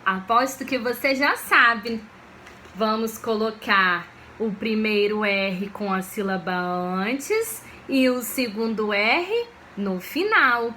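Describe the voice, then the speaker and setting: A woman teacher, giving a video lesson for children in a slow, patient way and often checking that they follow. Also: on the high side, lively intonation, pushed and bright, a little hiss or hum. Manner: slow, patient, checks understanding with frequent questions.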